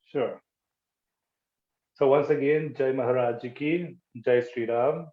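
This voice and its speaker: Slow-spoken Guyanese man on a tinny call. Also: medium pitch. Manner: measured, humble, formal. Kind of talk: formal interview answers. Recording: echoey tinny phone-like call.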